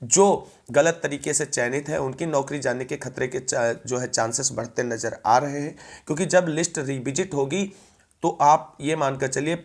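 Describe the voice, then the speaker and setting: A man presents a news update, speaking in formal, long run-on sentences. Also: fairly high pitch.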